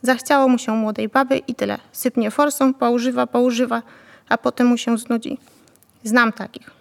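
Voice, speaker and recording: Woman reading as a gruff, irritable uncle. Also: fairly high pitch, level tone, normal speed. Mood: irritated.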